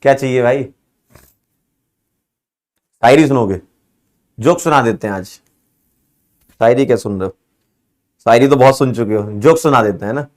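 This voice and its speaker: A male chemistry teacher with a mid-range voice is finishing an online lecture, chatting casually and joking with his students. He speaks at a normal speed but pauses often, laughs a lot, and playfully calls his students "beta" and "bhai."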